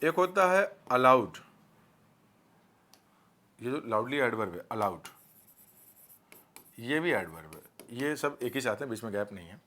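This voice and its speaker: A man's voice: mid-range voice, very animated, bright, forceful tone. Hindi-speaking male grammar teacher. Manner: explains in Hindi mixed with English, reads examples slowly. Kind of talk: exam-prep grammar lesson.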